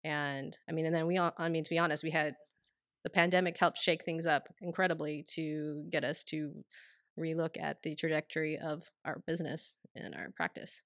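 A woman's voice: deep voice, normal speed, fairly bright tone, no room sound, studio quality. A woman in her thirties co-hosting a podcast, talking casually and rambling with many fillers. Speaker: podcast co-host, clinic owner. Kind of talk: casual explanatory podcast talk. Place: small quiet room, indoors. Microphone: studio mic on stand, headphones.

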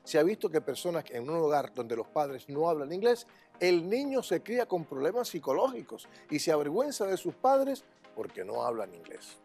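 Man, slightly high voice, emphatic and opinionated, English school director, faint music behind. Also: sing-song, moderate pace, darkish tone. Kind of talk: interview answers.

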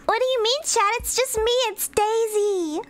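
A woman's voice: very high-pitched, normal speed, voice pushed up. A woman voicing a sweet, babyish anime girl in cutesy uwu speak for a livestream. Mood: cutesy, coaxing. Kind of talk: playful livestream character voice.

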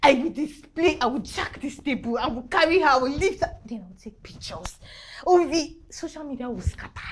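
An actress playing a gushing, excitable young woman with a Nigerian English accent who pleads and squeals over a celebrity she adores. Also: high voice, a little fast, lightly acted. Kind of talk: film drama.

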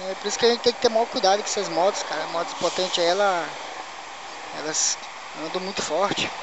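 A man's voice: sits high, brisk. A man from Manaus, Brazil, with a local Brazilian Portuguese accent, chatting in slangy casual commentary while riding a motorcycle on city roads. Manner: chatty, slangy, chuckles to himself. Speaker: motovlogger. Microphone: helmet or bike camera mic. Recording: loud wind and engine noise.

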